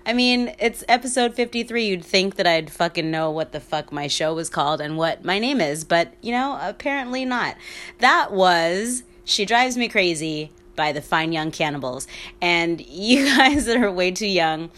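A woman's voice: fairly low pitch, expressive, moderate pace, fairly bright tone. A woman in her thirties hosting a solo podcast, talking in a rambling, candid way, swearing freely and laughing often. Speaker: podcast host. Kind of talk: casual solo podcast monologue.

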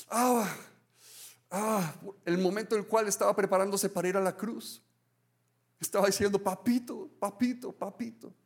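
Man, pastor, sermon, high pitch, hushed to excited, tag questions. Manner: earnest storytelling, many restarts and "¿verdad?" tags; swings between hushed and excited. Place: church.

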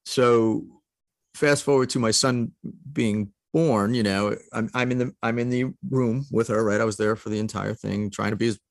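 A man's voice: on the low side, steady tone, normal speed, creaky, no room sound, clean studio sound. Earnest, emotional man telling a story. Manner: emotional, earnest, laughs often. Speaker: podcast guest. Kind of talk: heartfelt storytelling.

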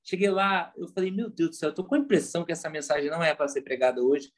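A man with a Brazilian Portuguese accent, a pastor chatting casually on a podcast and telling lively stories. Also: fairly high pitch, fast talker. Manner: animated storyteller, acts out quoted voices.

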